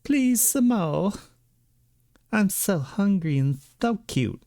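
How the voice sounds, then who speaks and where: A man voicing his pet cat as a cute, demanding beggar, in a high whiny begging voice. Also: big pitch swings, slow, dark tone, dry recording, studio quality, heavily acted. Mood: pleading.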